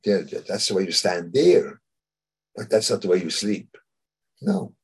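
Husky low-voiced man giving Torah talk. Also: very animated, a little mellow. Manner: halting, searches for words, many restarts.

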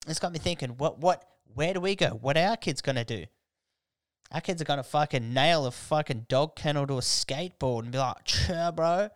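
A man's voice: fairly high pitch, fairly quick, no room sound, studio quality. An Australian man hosting a podcast in a casual comedic monologue, blokey and irreverent, with heavy swearing and slang. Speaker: podcast host.

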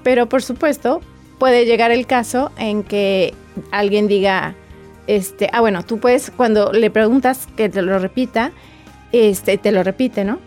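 A woman psychotherapist, a guest on a talk show, calmly explaining advice and acting out little scenes. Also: mid-range voice, a little slow, faint music behind.

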